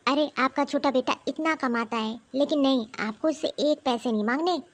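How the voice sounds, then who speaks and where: A woman's voice: sits high, moderate pace, natural voice. A woman voicing a hardworking elder daughter-in-law in a cartoon who complains bluntly. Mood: indignant. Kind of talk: cartoon voice acting.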